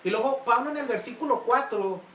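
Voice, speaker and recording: A man's voice: very high voice, brisk, fairly bright tone. A male pastor giving a sermon who keeps turning to the congregation with questions. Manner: engaging, questions the congregation often. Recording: roomy, mic at a distance, faint hiss.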